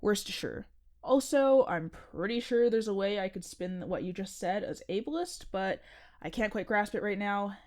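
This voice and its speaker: This is audio fiction podcast acting, with a woman portraying a talkative, sincere teenage boy of seventeen who runs his own podcast. Her medium-pitched, darkish voice stays close to everyday speech, moderately paced, relaxed yet insistent.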